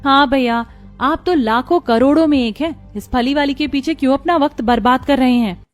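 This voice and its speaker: A woman's voice: high voice, normal speed, soft background music, natural voice. A woman voicing a spoiled, snobbish young sister who mocks. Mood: mocking. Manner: mocking.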